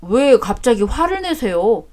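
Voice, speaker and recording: A woman's voice: a little high, big pitch swings, unhurried, darkish tone. A woman voicing a blunt adult son who talks back cheekily to his father in a storybook drama. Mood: cheeky.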